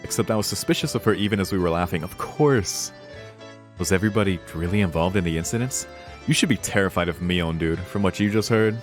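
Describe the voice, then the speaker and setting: Soft background music plays under a low-pitched male voice that moves at a quick pace. He's a streamer reading a visual novel aloud as he plays, peppering it with casual, profane, emotionally invested commentary.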